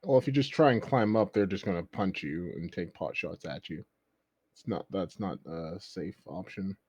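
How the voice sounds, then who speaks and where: A man's voice: low voice, normal speed, darkish tone, slightly rough, no room sound. A man playing a tabletop game over voice chat, practical and a bit hesitant, trailing off mid-thought. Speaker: player. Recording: dull lo-fi voice chat audio.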